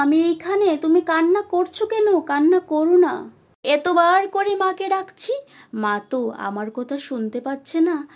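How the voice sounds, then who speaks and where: A woman voicing the spirit of a young woman doctor, speaking to her mother in a tearful, pleading first-person monologue. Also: high-pitched.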